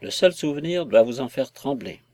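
A man's voice: medium pitch, animated, moderate pace, no room sound, natural voice. A man reading as a shy young lady. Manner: soft, hesitant replies. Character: young gentlewoman, shy and tender.

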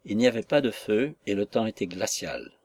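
A male audiobook narrator who reads in a measured, literary way. His voice is low and somewhat breathy, and it stays steady through long descriptive passages.

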